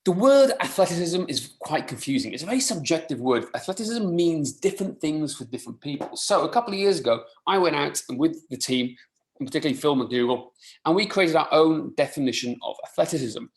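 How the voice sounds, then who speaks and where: A Welsh-speaking fitness coach from rural mid Wales talks in an animated, slightly fast way during an informal live online presentation. His voice is on the high side, and the webinar audio echoes around a roomy space.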